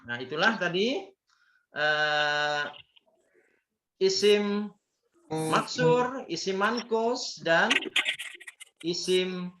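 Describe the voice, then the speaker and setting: In an echoey, dull lo-fi recording with faint noise, a high-voiced Islamic teacher speaks extremely slowly and pauses often. He leads a call-and-response Arabic grammar lesson, repeating words for students to echo and quizzing them.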